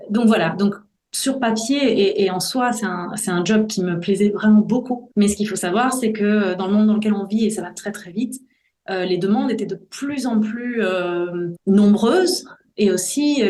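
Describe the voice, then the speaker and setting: In a podcast interview, a reflective Belgian woman in her forties earnestly recounts her own experience while groping for the right words. Her voice is medium in pitch with a darkish tone and a moderate pace, and the room gives a roomy echo.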